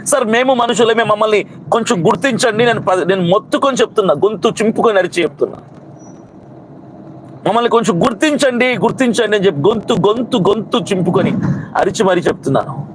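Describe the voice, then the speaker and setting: Fiery high-voiced man over traffic noise. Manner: fiery, scolding, piles up repeated rhetorical questions. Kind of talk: impassioned protest speech to camera.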